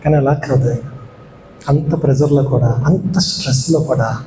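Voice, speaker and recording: A man's voice: medium pitch, moderate pace. Man preaching in an echoey church hall. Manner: emphatic, asks the congregation rhetorical questions; repeats key words for emphasis. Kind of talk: Good Friday sermon. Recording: echoey church hall, long reverb, faint noise.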